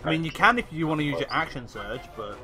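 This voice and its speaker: A man's voice: on the high side, big pitch swings, fast, pushed and bright, soft background music. A man running a tabletop game as game master, narrating the action in a hesitant, apologetic way, full of fillers and restarts.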